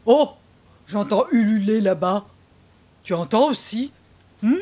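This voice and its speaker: A woman voicing a big, slow-witted storybook monster who hums and wonders aloud, in a children's storybook reading. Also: mid-range voice, animated, mellow. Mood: wondering. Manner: drawn-out, wondering, with humming sounds.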